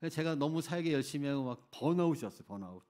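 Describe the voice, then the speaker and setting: A middle-aged man, a missionary preacher, telling a personal testimony in a sermon, swinging from loud outbursts to hushed near-whispers. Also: fairly high pitch, expressive, racing. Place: church sanctuary.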